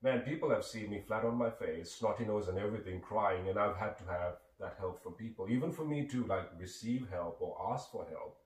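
A Sri man with a low, deep voice speaks as a guest, earnest and reflective. He sounds set back from the microphone, and the room around him is echoey. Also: brisk, few pauses. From Sri Lanka. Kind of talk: reflective conversation. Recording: echoey room, distant mic.

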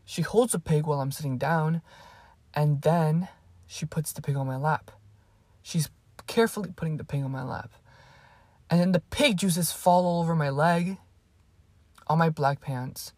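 A woman's voice: low-pitched, normal speed, pauses often, darkish tone, dry recording. A teenage girl telling stories to camera in a casual vlog, rambling and swearing freely with plenty of asides. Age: teens. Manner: rambling and profane, with fillers and asides. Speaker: vlogger.

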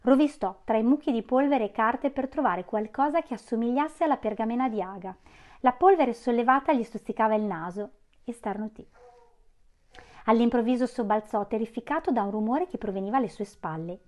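A woman reading a novel aloud in measured storytelling. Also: on the high side, darkish tone. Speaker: audiobook reader.

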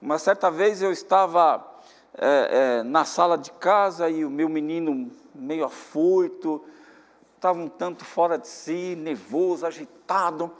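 A pastor preaching a sermon, earnest and preacherly, mixing personal family stories with calls to pray. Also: male voice, fairly high pitch. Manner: earnest, preacherly, repeats "meus amados irmãos". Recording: long hall reverb.

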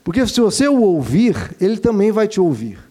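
A man with a fairly high voice gives earnest parenting advice as a father. His tone is gentle and instructive, and he speaks fondly to his listeners. His voice has a warm, mellow timbre. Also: big pitch swings, moderate pace. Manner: gentle and didactic, calls listeners "dear ones".

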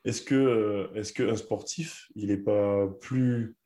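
A man's voice: lowish voice, fairly even intonation, slow pace, dark tone. A young man, a rugby player, talking candidly in a casual chat with many restarts.

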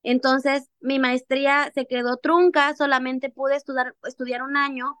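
Her voice is high and a little slow, captured dry, as this young adult woman from Mexico's Costa Chica shares her own story during an interview. An activist with a Costa Chica Mexican Spanish accent, she tells it conversationally and animatedly, acting out dialogue she remembers.

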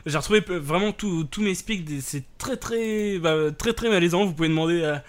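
A man's voice: sits high, fairly quick. A young man hosting a live stream talk show, hesitant, thanking viewers and laughing between remarks. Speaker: host.

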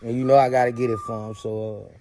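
A man's voice: mid-range voice, wildly swooping pitch, quick pace, background noise. A man announcing a topless pool party, heard as a played clip. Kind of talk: promo announcement.

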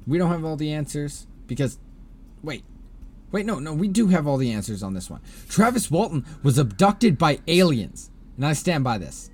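A man's voice: a little high, big pitch swings, normal speed, darkish tone, breathy edge. A man hosting a casual podcast, chatting and joking with frequent restarts. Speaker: podcast host. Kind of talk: casual chat.

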